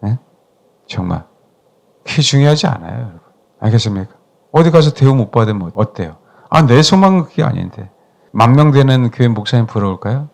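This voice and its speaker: A man's voice: mid-range voice, sing-song, brisk, creaky, pauses often, a little mellow. A middle-aged male pastor preaching a sermon, pressing the congregation with emphatic questions and calls for amens.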